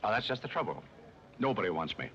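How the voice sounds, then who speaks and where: A man's voice: lowish voice, big pitch swings, fast talker, fairly bright tone. An actor playing a sardonic, proud homeless American man with dry, articulate wit in a 1930s screwball film. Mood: dry, deadpan. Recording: muffled, noisy 1930s film soundtrack.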